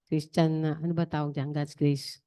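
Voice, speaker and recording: Smooth-voiced woman preacher. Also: sits low, flat delivery, normal speed, dark tone. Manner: digressive, chatty storytelling. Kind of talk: testimony during an online worship service.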